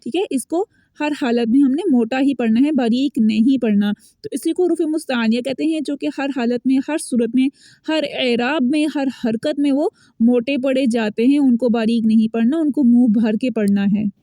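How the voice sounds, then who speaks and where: A woman teaching Quran recitation online, explaining sounds and slowly repeating example words for her students. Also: sits high, mellow, no echo. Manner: patient, repeats words slowly and drills them. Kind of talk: online lesson, explaining and modeling pronunciation.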